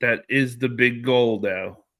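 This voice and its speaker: A man hosting a casual live stream, reading viewer comments aloud and answering them in a relaxed, slangy way. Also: medium pitch, slow. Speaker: livestream host reading chat.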